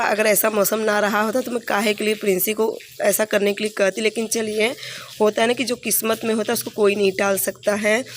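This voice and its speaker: A woman's voice: medium pitch, slight background noise. Chatty woman narrating her home vlog. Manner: chatty, rambling, many fillers and restarts. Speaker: vlogger. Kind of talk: casual home vlog voice-over.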